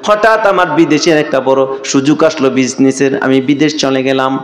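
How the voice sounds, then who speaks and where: A man voicing a grief-stricken grown son who tearfully confesses a terrible wrong, his voice pitched high as he pleads. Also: fairly even intonation, moderate pace, lightly acted. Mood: pleading. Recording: echoey sermon sound.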